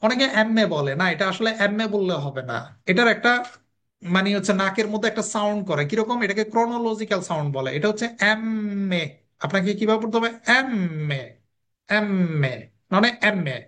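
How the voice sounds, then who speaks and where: A language teacher giving a recorded lesson. The teacher asks questions and answers them, and repeats each sound slowly for drilling. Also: mid-range voice, animated, fairly bright tone.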